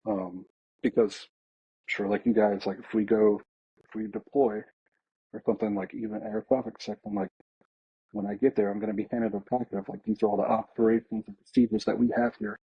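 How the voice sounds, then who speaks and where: An American man who works as an air traffic controller chats on a podcast in an informal, hesitant and reflective manner. His fairly low voice is gravelly with a breathy edge, expressive and fairly quick, captured on a slightly dull, lo-fi voice track.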